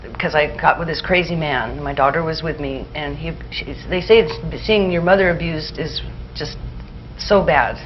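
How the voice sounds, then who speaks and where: A middle-aged woman in a therapy session, speaking haltingly and emotionally, quietly repeating phrases. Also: deep voice. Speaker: therapy client. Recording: dull lo-fi with faint hiss.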